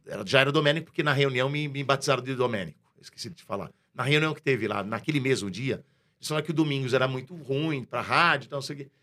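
A man with a Brazilian accent, a radio announcer telling a story in a casual interview, slangy and lively, acting out the dialogue he recounts. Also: medium pitch, racing. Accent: Brazilian Portuguese.

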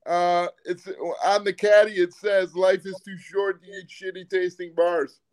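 High-voiced man, effusive guest. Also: little pitch movement, a little slow, a little mellow. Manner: effusive, stammers with repeated restarts. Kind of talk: casual interview chat.

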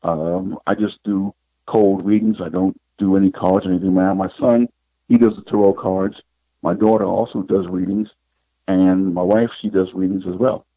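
Husky middle-aged man over a phone line. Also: deep voice, steady tone, dry recording. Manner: unhurried, reflective, retells scenes with quoted dialogue. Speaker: psychic guest. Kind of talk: personal storytelling in an interview.

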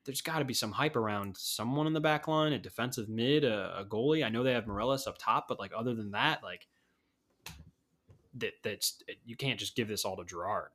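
A man on a sports podcast who thinks out loud, trailing through fillers and restarts. His voice sits at a middling pitch in a casual chat. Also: fairly quick. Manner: rambling, thinking aloud with fillers. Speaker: podcast co-host.

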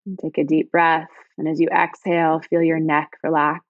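A woman leading a guided body-scan meditation in slow, soft, soothing phrases. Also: sits low, little pitch movement, dry recording, highs cut off.

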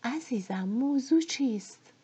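A gentle, kind young woman speaks in a soft, soothing half-whisper, as a woman puts her on. Her raised voice is warm and a little husky. It reaches the ear through a dull, lo-fi recording. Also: high voice, expressive, voice pushed up, exaggerated voice.

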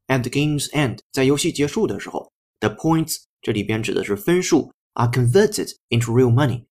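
A man teaching English, explaining a text line by line at a slow, patient pace and spelling words out letter by letter. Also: medium pitch, a little mellow.

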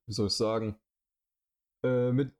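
A man's voice: mid-range voice, steady tone, unhurried, darkish tone. A man in his twenties co-hosting a casual podcast, rambling with many fillers, speaking into a headset microphone. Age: 20s. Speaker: podcast co-host.

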